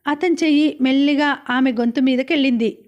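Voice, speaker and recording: A woman with a Telugu accent reading a novel aloud as an audiobook narrator, in a steady storytelling way. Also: high voice, fairly quick, muffled recording.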